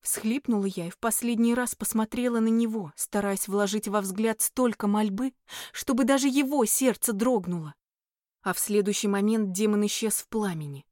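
A woman's voice: medium pitch, moderate pace, darkish tone, no echo, clean studio sound. A woman reading a first-person fantasy audiobook in an emotional, dramatic manner. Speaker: audiobook narrator.

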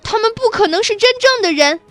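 A woman's voice: very high-pitched, animated, moderate pace, a bit bright, no room sound, soft background music, pitched above the performer's own voice. A woman voicing an eager, wide-eyed young boy, amazed and asking questions, in a children's storybook reading.

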